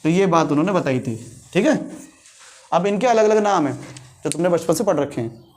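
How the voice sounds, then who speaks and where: A male math teacher with a Hindi accent and a fairly high voice. He teaches a classroom lecture and keeps firing short questions at his students, then answers them himself. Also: animated, brisk, darkish tone. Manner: quizzing students with repeated questions.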